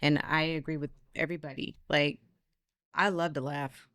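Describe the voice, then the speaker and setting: A woman's voice: sits low, steady tone, moderate pace, a bit bright, dry recording, clean studio sound. A woman speaking emphatically and passionately in a casual podcast conversation.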